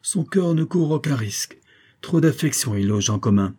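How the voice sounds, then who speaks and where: A man's voice: medium pitch, lively intonation, normal speed, dark tone, slightly rough, voice pushed up. Storybook heroine, young, bored and scornful, read by a man. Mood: dreamy. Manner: sighing, disdainful. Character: bored melancholy young woman, disdainful. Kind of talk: audiobook character voice.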